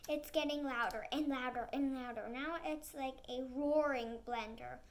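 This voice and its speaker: High-voiced woman reading a storybook aloud. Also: normal speed. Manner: reads with small slips and acted sound effects. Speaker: storybook reader. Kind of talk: reading a chapter book aloud.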